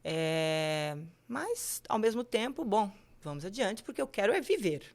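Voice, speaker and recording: A woman, telling her personal story candidly and haltingly, with many fillers. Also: medium pitch, big pitch swings. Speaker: guest sharing her cancer story.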